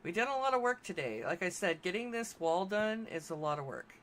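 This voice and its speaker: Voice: medium pitch, big pitch swings, brisk, fairly bright tone. A game streamer giving casual gameplay commentary, chatty and thinking aloud while building.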